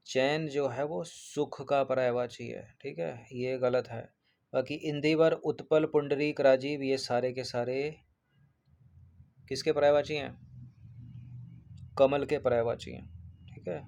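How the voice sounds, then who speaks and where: Brief: male exam coach, monotone delivery, walks through answers item by item and repeats them. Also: mid-range voice, vocal fry. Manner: explains point by point, repeats answers, checks in with 'ठीक है'. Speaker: exam prep teacher. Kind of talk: exam paper walkthrough.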